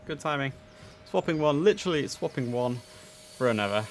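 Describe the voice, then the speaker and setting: Brisk and animated, a medium-pitched male voice provides casual commentary on an air traffic control simulator, musing to himself and making clipped radio calls. A little hiss or hum can be heard.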